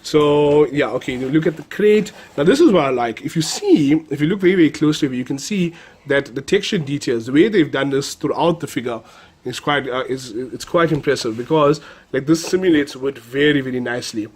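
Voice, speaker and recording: A man's voice: fairly high pitch, a little fast, husky. A man with a South African accent and a nasal voice from a cold, chatting casually through a collectible figure review, enthusiastic and given to repeating words.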